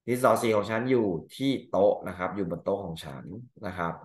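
A man with a fairly low voice walks through exam answers as an English teacher. He reads each English sentence out slowly, then explains it in a loose, chatty way. The room is echoey.

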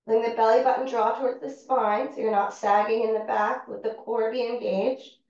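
A woman teaching a yoga class, calmly and steadily talking students through each movement. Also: a little high. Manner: calm, unhurried cueing of movements. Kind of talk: guided yoga class instruction. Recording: far-off, echoey, dull-sounding room recording.

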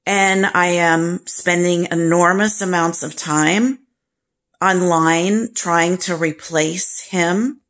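A woman vlogger telling a personal story to camera in a slow, halting, grief-stricken way. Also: lowish voice, steady tone, fairly bright tone.

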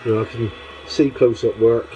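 A middle-aged man talking through a face visor in his workshop, giving a rambling, hesitant product review with many pauses and restarts. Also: medium pitch, fairly even intonation, background noise. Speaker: woodworker reviewing a respirator. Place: home workshop.

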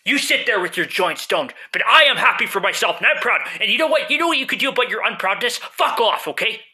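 A man's voice: mid-range voice, animated, quick pace, sharp tone, husky, pitched below the performer's own voice, exaggerated voice. A man arguing with himself in a comic skit, playing a proud, easily hurt and defiant guy who repeats himself indignantly. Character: proud, hurt, defiant novice phone video maker. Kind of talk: comic self-argument skit. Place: small room indoors. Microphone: phone at arm's length.

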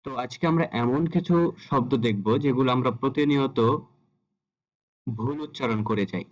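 A man giving a pronunciation lesson, repeating each word slowly to model the correct sound. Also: mid-range voice, dull audio. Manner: slow, deliberate, repeats words to model sounds. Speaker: teacher.

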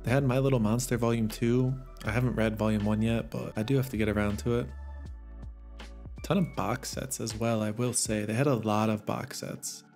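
In a casual vlog, a man who covers manga walks through the books he bought, chatty, enthusiastic and given to gentle laughter. His fairly low, slightly worn voice keeps an even intonation at a moderate pace over faint background music.

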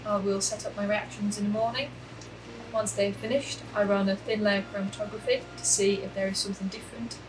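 A young woman from the Czech Republic, doing a PhD in chemistry, gives a scripted, camera-facing account of her work at medium pitch, calm and earnest with a few ums. The background is noisy: the indoor lab echoes, the camera mic is far away, and music plays behind.

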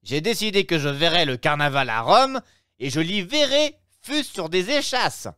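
A man reading aloud and voicing an impetuous, playful young gentleman traveler with a raised voice. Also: sits high, sing-song, normal speed, clear, resonant tone, dry recording, clean studio sound, voice pushed up, exaggerated voice. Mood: lively. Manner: exclamatory, playful.

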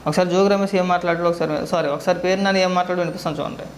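A man giving heated political commentary, scolding his target with rapid rhetorical questions. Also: high-pitched, steady tone, reverberant, a little hiss or hum.

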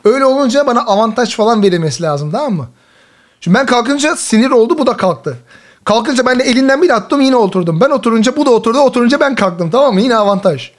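A man in his thirties, a jiu-jitsu athlete hosting his own channel, reacting casually and telling a story, animated, laughing often and using slangy exclamations. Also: very high voice, fast talker.

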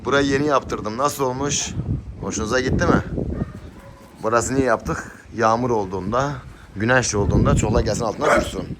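A man talking casually to camera and coaxing his dogs in a yard with short repeated commands, now and then calling out high and loud. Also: normal speed. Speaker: dog owner vlogger. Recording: loud background noise outdoors.

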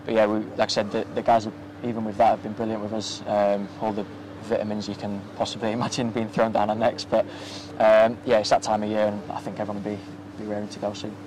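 At night, on a floodlit football ground, a young professional footballer speaks into a handheld interview mic after the match. His male voice is low, flat and soft, quick with few pauses, though full of ums and restarts, over faint outdoor noise.

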